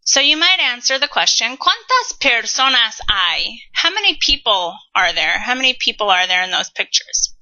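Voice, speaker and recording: Bright-voiced woman teaching Spanish. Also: a little high, very animated, highs cut off. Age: 30s. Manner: slow, careful modeling of Spanish words. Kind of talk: recorded slide lesson.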